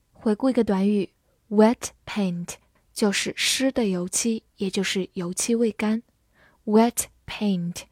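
A woman teaching English vocabulary, spelling words out letter by letter and reading example sentences slowly. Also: mid-range voice, darkish tone, no room sound, studio quality. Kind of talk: slow, clear vocabulary lesson.

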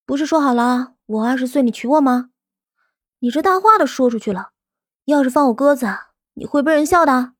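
A man voicing a pouty, coquettish young woman in a high falsetto, questioning and pleading with her lover. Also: big pitch swings, brisk, dry recording, studio quality. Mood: coaxing. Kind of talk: audiobook character voice.

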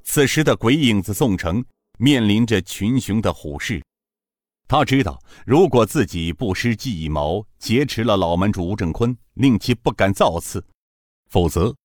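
A man's voice: on the low side, lively intonation, measured pace, darkish tone, no echo, studio quality. A man narrating a serialized martial-arts story in a dramatic, rhythmic style.

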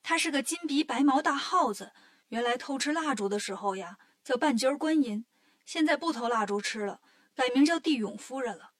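A woman's voice: sits high, lively intonation, fairly quick. A woman voicing an earnest young boy prince in a children's story, patiently explaining.

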